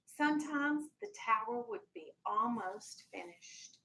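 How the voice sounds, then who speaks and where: Speaking a little slowly with a sharp tone, this woman teacher has a fairly high, animated voice captured on a low-quality recording. She's an elementary school teacher in a classroom, reading a children's storybook aloud and addressing her class firmly and instructively.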